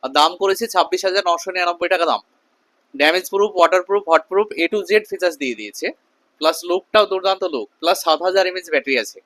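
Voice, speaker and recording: Shop guy doing a promo pitch, talks really quick, repeats stuff for emphasis, dryish sound. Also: fairly bright tone, dry recording. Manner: repetitive, emphatic promotional delivery. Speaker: shopkeeper presenting a promotional video. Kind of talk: sales pitch to camera with customer chat.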